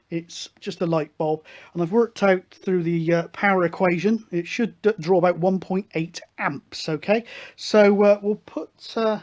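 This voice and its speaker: A man's voice: high voice, a little mellow. British guy doing a casual hands-on electronics demo, chatty and matter of fact. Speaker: host of a hobby electronics video show.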